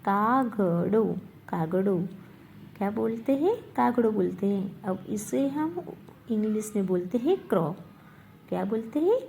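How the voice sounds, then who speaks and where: A woman's voice: a little high, animated, normal speed, creaky, warm tone, slight background noise. A woman teacher leading a revision lesson, spelling words letter by letter, repeating them and answering her own questions. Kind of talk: slow classroom revision lesson.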